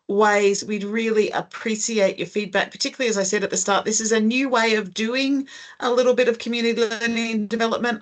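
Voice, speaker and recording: A woman hosting and chairing an online video call conversation, friendly and wordy with frequent ums. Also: medium pitch. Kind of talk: casual online meeting chat.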